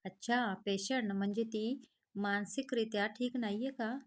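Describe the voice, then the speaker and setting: A woman reads a young man's lines in a story. He is chatty, pushy and teasing with his friend. The voice sits a little high. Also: steady tone, measured pace, close to an everyday voice. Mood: earnest. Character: young man, lovestruck, pushy, joking friend.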